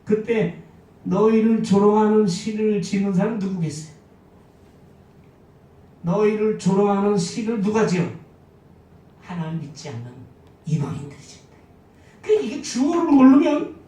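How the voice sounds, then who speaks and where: Lady pastor preaching, lots of questions, mellow voice, roomy echo from across the hall. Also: mid-range voice, far from the mic. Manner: rhetorical questions, varied emphatic delivery. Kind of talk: sermon. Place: church sanctuary. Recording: echoey church hall from afar.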